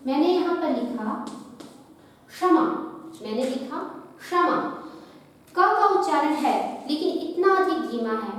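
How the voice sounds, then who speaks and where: A woman's voice: high voice, a little hiss or hum. A woman teacher giving a patient grammar lesson, explaining step by step with examples. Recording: echoey room heard from a distance.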